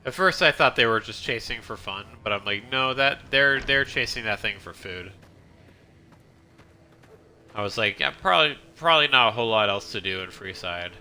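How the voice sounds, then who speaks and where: A man's voice: medium pitch, moderate pace, pushed and bright, smooth. A man streaming a game, chatting casually and rambling as he plays, often stopping and restarting his sentences. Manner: rambling, self-interrupting, chatty. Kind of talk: casual gameplay commentary.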